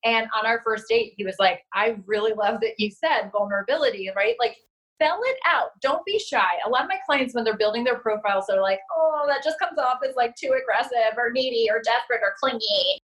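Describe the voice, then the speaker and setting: A woman in her thirties, a relationship coach talking in a casual interview, animated and acting out quoted lines. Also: a little high, rough recording. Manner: animated, quick asides, acts out quotes. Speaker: heartbreak coach, guest.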